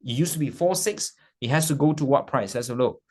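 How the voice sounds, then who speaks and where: A man giving a live-streamed trading lesson, animated and repeating phrases for emphasis as he acts out an anxious investor's worries. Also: mid-range voice, fast, slightly rough. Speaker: trading mentor.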